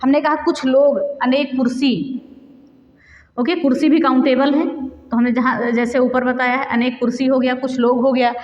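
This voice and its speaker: A woman's voice: high voice, level tone, normal speed, a little mellow. A woman teaching a grammar lesson for exam preparation. She repeats her examples, asks questions and answers them herself, and drops English words into her talk. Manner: mixes English words into Hindi. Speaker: Hindi teacher. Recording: echoey, dull recording in a reverberant room.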